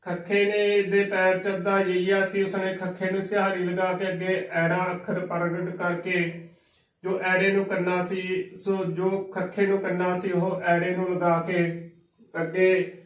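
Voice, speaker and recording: A man's voice: high-pitched, completely flat delivery, measured pace, reverberant, distant mic, poor audio. A man teaching scripture pronunciation, spelling each word out letter by letter and repeating the right and wrong forms. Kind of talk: slow spelling-out pronunciation lesson.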